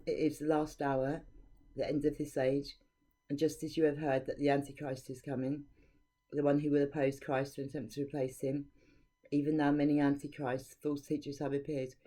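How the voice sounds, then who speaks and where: This low-quality recording captures a woman with a low, mellow voice reading scripture in an informal devotional talk. Her manner is earnest and preachy, and she shares her opinions frankly.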